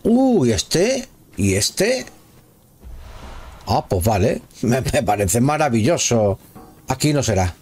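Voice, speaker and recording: A man's voice: medium pitch, sing-song, takes it slowly, long pauses, darkish tone, husky. A man giving casual live commentary while playing a video game, chatting with viewers and exclaiming at the action. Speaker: gameplay streamer.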